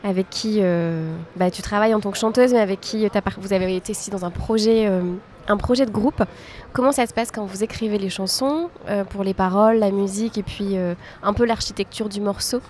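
A woman's voice: medium pitch, steady tone, fairly quick, darkish tone, a little hiss or hum. A woman interviewer speaking informally and conversationally with her guest.

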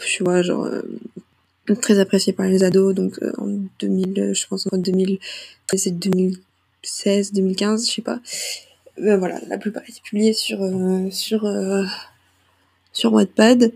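A woman's voice: medium pitch, vocal fry, a little mellow, slightly rough. A young woman hosting her own podcast, rambling casually with hesitations and self-deprecating asides, into a small microphone. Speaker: podcast host. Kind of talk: casual solo podcast chat.

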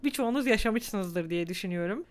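A woman in her twenties hosts a reflective solo podcast, speaking candidly and emotionally and at times close to tears. Her medium-pitched voice is animated and fairly quick.

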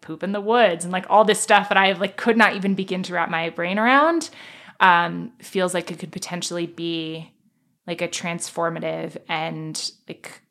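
A woman's voice: lowish voice, creaky. A woman from Manhattan with an American accent, chatting casually in a bubbly, self-deprecating way, peppering her sentences with "like". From Manhattan, New York. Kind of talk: casual conversational chat.

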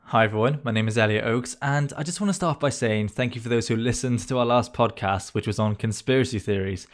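A man's voice: medium pitch, fast. A nineteen-year-old man co-hosting a podcast, upbeat and leading the talk, leaning on fillers like "in all honesty". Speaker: podcast co-host. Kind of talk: casual chat.

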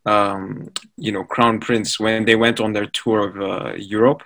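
Relaxed low-ish young man. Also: poor audio. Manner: relaxed, fills pauses with "what's it called". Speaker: podcast co-host. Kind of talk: casual chat.

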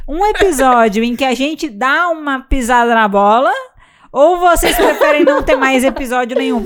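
A Brazilian woman co-hosting a casual podcast, talking in a high voice. She is animated, laughs often and jokes with mock sarcasm. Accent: Brazilian Portuguese. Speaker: podcast co-host.

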